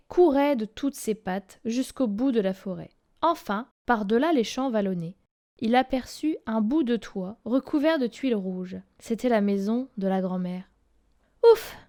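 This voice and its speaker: A woman reading a children's story aloud, in a lively, expressive way. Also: on the high side.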